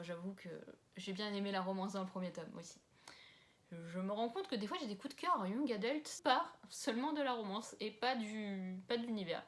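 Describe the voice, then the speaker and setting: A young woman from France chatting casually about books at home, rambling and self-deprecating with lots of fillers and asides. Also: mid-range voice. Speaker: book vlogger.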